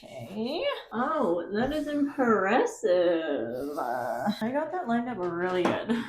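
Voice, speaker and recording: A woman's voice: mid-range voice, very animated, slow pace, background noise. A young woman vlogging her DIY bathroom renovation in a chatty, self-mocking and flustered way, recorded on a phone. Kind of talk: casual vlog narration while working. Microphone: phone camera. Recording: echoey bathroom with faint clicks.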